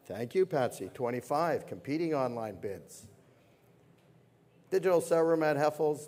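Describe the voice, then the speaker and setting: A man's voice: fairly high pitch, a little mellow. A man working as a fine art auctioneer, calling bids in a repetitive, salesmanlike patter at a live sale. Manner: brisk salesman's patter, repeating numbers. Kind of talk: live auction calling with repeated bid figures.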